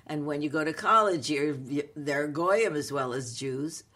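Woman, late eighties, New with flavor. Halting, wry, playful conversational storyteller. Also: low voice, animated, fairly bright tone. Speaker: comedic actress, podcast co-host.

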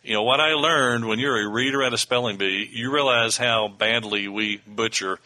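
A man's voice: medium pitch, moderate pace, bright, forceful tone, rough recording. A man co-hosting a casual podcast chat, rambling through stories and drifting off topic. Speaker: co-host.

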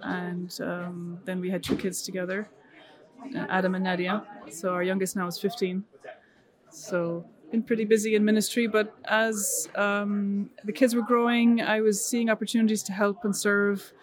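In a conversational interview, a middle-aged Irish woman earnestly shares her story as a missionary guest. Her medium-pitched voice is delivered flatly at a normal speed, with frequent restarts and fillers.

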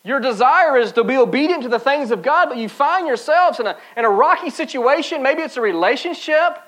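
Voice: high-pitched, animated, brisk, a bit bright, poor audio. A pastor preaching a sermon in a casual, conversational way, with frequent restarts and asides and quoted doubts acted out.

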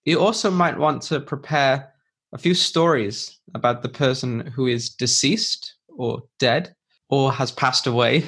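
A man's voice: mid-range voice, a bit bright. Man explaining things as podcast teacher. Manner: clear, simple explanations with rephrasing for a learner. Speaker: podcast host and English teacher.

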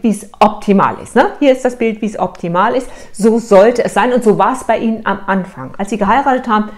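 A middle-aged woman therapist telling a client's case to a video audience, asking questions and answering them herself, sometimes dropping to a hush. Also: mid-range voice. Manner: lively, rhetorical questions, answers herself, dramatic drops to a hush. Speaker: therapist in private practice.

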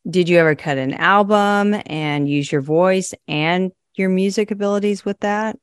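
A woman hosting an interview show, asking her guest questions and responding to his stories with quick affirmations. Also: on the low side, clean tone, no echo, studio quality. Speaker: show host.

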